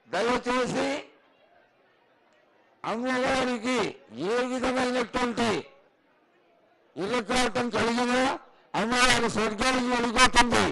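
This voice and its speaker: A man's voice: extremely high pitch, rough recording. A man making temple announcements, giving instructions in an emphatic, commanding and repetitive way. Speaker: temple announcer marshalling the crowd.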